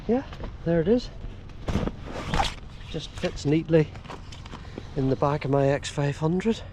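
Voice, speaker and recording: Older male vlogger, Ulster accent, slightly high-pitched, easygoing explainer, recorded outdoors with clear background noise. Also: expressive, slow pace. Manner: easygoing, explanatory, with homely dialect words. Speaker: kayaking vlogger. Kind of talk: casual chat to camera while out kayaking. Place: outdoors by a slipway and on the sea in a kayak.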